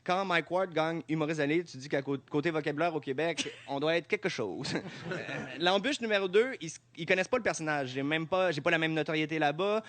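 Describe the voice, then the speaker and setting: A man with a Québécois accent doing a stand-up comedy routine, animated and laughing often at his own jokes. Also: on the high side, fast, no room sound. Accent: Québécois French.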